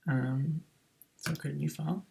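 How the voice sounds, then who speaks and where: Gravelly man thinking aloud while coding. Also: on the high side, fairly even intonation, normal speed, dark tone, rough recording. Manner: thinks aloud with frequent ums and self-corrections. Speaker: programming tutor. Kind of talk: screen-recorded coding tutorial.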